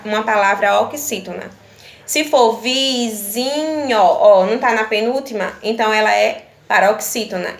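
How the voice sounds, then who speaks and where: A woman's voice: fairly high pitch, vocal fry, fairly bright tone, slight background noise. A young woman teaching primary pupils in a recorded video lesson, with a Brazilian Portuguese accent, patiently checking in with "tá certo?" after every point. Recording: echoey room with faint ambience.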